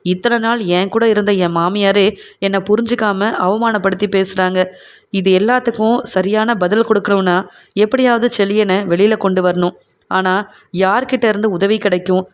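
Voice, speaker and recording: A man's voice: high-pitched, steady tone, moderate pace, clear, resonant tone, lightly acted. A man voicing a distressed middle-aged mother, pleading and tearful.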